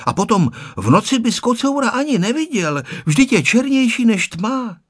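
Man putting on a sweet old granny, slow and drawn out, bit higher, a little husky. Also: very animated, heavily acted. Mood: gentle. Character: kind, fussing old grandmother. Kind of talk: storybook character voice.

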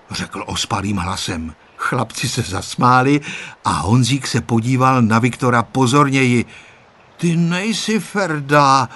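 A man reads a children's story aloud, his voice rising and falling with lively intonation. His tone is husky and a little breathy. He reads expressively, with a mid pitch. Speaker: narrator.

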